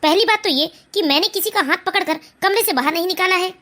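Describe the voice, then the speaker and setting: A woman voicing a newly married young son in an animated family story, firm and defensive. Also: extremely high pitch, fast.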